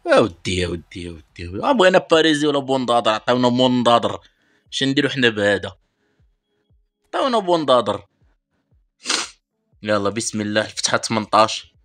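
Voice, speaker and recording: This man, who speaks with a Moroccan Arabic accent, runs a mobile football game channel and narrates pack openings live. He chats with viewers, calling them brothers, and lets out sighs and pious exclamations between bursts of excitement. His voice is mid-range and quick, broken by long pauses, with faint music in the background.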